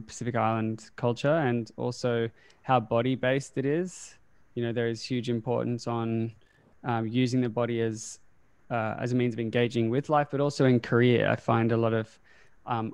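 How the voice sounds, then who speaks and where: Male interviewer, crisp and level delivery, conversational, reflective and probing. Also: mid-range voice, a little mellow, no room sound. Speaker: interviewer, podcast host.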